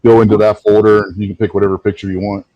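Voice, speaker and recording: A man's voice: on the low side, flat delivery, rapid-fire, dry recording, muffled recording. A man on a live-stream voice chat, chatty and helpful, patiently explaining how to do things. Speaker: fellow streamer and guest. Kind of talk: casual chat, explaining step by step. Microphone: online voice chat.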